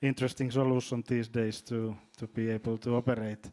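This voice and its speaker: A man from Finland with a Finnish accent, speaking as a panelist in a hesitant way, often repeating words and filling pauses. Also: medium pitch, level tone, warm tone. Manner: halting, repeats words, many fillers. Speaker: panelist, drone company executive. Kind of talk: panel discussion.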